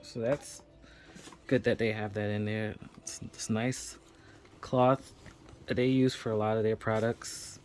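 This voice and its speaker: A man hosting a casual unboxing video, talking excitedly with plenty of fillers as he handles the product. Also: fairly low pitch, measured pace, faint music behind.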